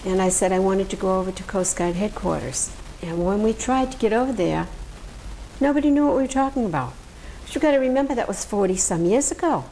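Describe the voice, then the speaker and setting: An elderly woman from Massachusetts, a veteran recalling her service in an oral history interview, telling her stories in a lively way. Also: mid-range voice, brisk, a little hiss or hum, low-quality recording. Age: older. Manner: lively storyteller, acts out quoted voices.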